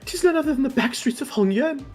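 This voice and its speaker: A reader voicing an excitable sheep girl who speaks in old-fashioned thee-and-thou phrasing. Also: high-pitched, fast, faint music behind, voice pushed up. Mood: awed excited.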